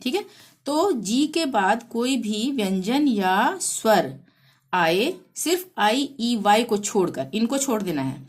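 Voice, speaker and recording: A woman's voice: fairly high pitch, big pitch swings, slow. A woman teacher explaining pronunciation rules patiently, spelling out words letter by letter and repeating each rule. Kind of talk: language lesson.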